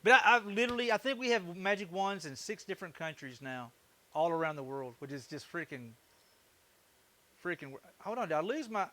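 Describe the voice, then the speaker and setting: Bright-voiced Southern man chatting on a livestream. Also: high-pitched, lively intonation, a little fast. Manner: easygoing, folksy, chatty with viewers. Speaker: woodworking livestream host. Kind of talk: casual livestream chat while working.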